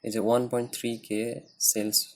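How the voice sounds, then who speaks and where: A man with a Bangladeshi Bengali accent teaching design principles in a tutorial, talking in a halting way with many fillers and restarts. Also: mid-range voice, little pitch movement, a little hiss or hum. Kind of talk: screen-recorded tutorial.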